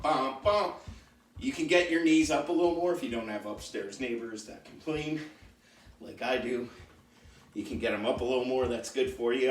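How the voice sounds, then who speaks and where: A man coaching a home workout in a chatty, joking, encouraging way. His voice sits at a middle pitch and sounds roomy, as if picked up from a few steps away in an apartment room. He keeps things light while giving instructions. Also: a bit bright. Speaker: exercise instructor. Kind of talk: home exercise video lesson. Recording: roomy echo, mic at a distance.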